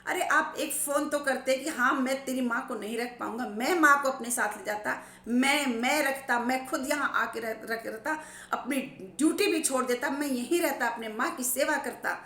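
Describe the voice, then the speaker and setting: A woman's voice: high voice, normal speed, roomy sound, far from the mic. A woman doing a furious grown son scolding his father. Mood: angry, tearful. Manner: shouting, scolding in tears. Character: grown son, angry and tearful.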